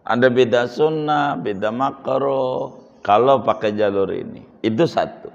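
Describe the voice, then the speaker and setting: A man's voice: mid-range voice, measured pace. A male Islamic preacher, giving a religious lecture and teasing the audience with questions. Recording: dull lo-fi sound in a reverberant hall.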